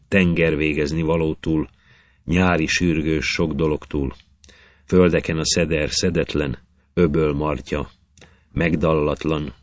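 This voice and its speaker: A man's voice: low-pitched, no room sound, lightly acted. A man voicing a proud young maiden of the far north, speaking wistfully in lilting verse.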